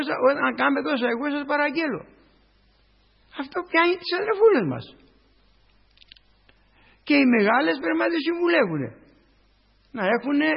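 An older male priest preaching a sermon with a raspy voice, punctuating it with repeated doxologies. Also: extremely high pitch. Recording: dull lo-fi recording with long reverb.

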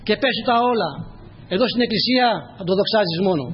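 A man's voice: high voice, breathy edge, in a large hall, lo-fi sound. A man preaching a sermon in a church, reading scripture and urging his listeners with repeated direct appeals. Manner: repetitive exhortations, direct address to listeners.

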